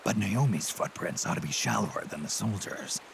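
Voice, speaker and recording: A man playing a gruff, terse soldier in a video game, with a gravelly voice, thinking things through. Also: low-pitched, expressive, moderate pace. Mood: pondering, doubtful. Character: gruff male soldier questioning his adviser. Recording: noisy, hiss like rain.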